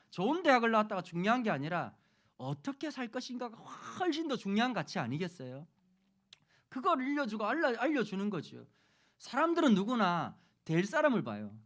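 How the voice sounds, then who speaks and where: A middle-aged male pastor from Busan giving a humorous sermon lecture, joking and putting questions to the audience. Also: high voice. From Busan, South Korea. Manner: lively, jokey, addresses audience with questions.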